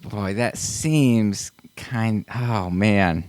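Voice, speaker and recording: A man's voice: lowish voice, drawn-out words, darkish tone, dry recording. A man co-hosting a casual podcast, thinking aloud with hesitant fillers while guessing at quiz answers. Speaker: podcast co-host. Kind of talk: casual chat.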